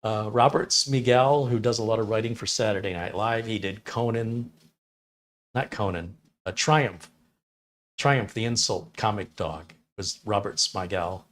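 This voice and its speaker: A middle-aged man with a fairly low voice hosts a live stream, taking his time as he reads chat and talks casually. He rambles through stories, acting out the lines he quotes in different voices.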